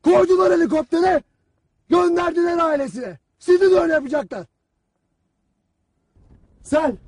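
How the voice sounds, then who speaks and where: An actor playing a stern male army commander who berates his soldiers in a harsh, shouting, cutting voice. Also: very high-pitched, normal speed, crowd noise. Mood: bitter. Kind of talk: film drama acting.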